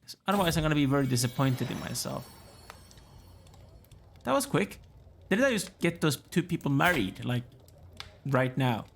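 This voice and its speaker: A man's voice: a little high, big pitch swings, normal speed, gravelly, pauses often, a little hiss or hum. A tired, yawning man casually commenting as he plays a strategy game, musing aloud and chatting to the characters on screen. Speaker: let's play gamer.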